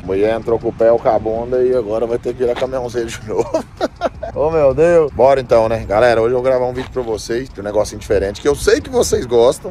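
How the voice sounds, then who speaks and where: A man's voice: mid-range voice, darkish tone, a little hiss or hum. A man in his thirties vlogging on a phone held at arm's length, joking and rambling in slang. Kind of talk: casual vlog chat. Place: outside a shop at dusk, then inside.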